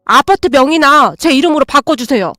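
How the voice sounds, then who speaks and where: Greedy grown son, loud and rude, read by a woman, high voice, dry close sound, faint music behind. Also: moderate pace, no room sound, natural voice. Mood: demanding. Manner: loud, demanding, snapping.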